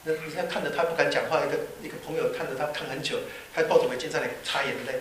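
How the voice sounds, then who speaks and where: A man preaching a sermon, telling anecdotes with lively energy and acting out the people in them. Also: fairly high pitch, rapid-fire, a little hiss or hum. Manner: lively storyteller who acts out the people in his anecdotes. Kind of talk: sermon with storytelling. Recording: very echoey hall.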